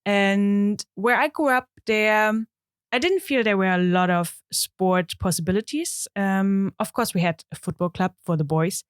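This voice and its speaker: A woman's voice: medium pitch, unhurried, clear, resonant tone, no room sound, studio quality. A German woman from the east of the country, co-hosting a podcast in friendly casual chat with a German accent. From eastern Germany. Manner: friendly, frequent agreeing interjections. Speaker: podcast co-host. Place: dry studio.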